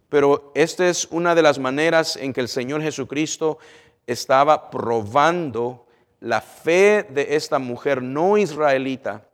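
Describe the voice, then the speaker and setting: A man preaching a sermon, swinging between loud emphatic stretches and soft low ones, and asking the congregation questions. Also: in a large hall.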